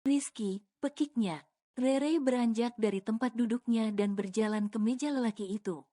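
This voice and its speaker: A woman narrating a romance audio novel in an even storytelling way, with casual colloquial asides. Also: fairly high pitch, moderate pace.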